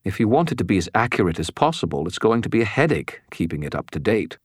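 A man's voice: on the low side, very animated, fast, no room sound, clean studio sound. A man voicing a grumbling, whiny male spirit that lives in a skull, for an audiobook. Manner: whiny, complaining.

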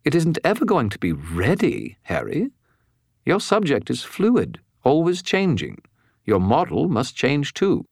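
Whiny, grumbling male skull spirit in a storybook, pitched well above a man's own low voice, complaining and put-upon. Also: huge pitch swings, measured pace, vocal fry, darkish tone, no echo, studio quality, exaggerated voice.

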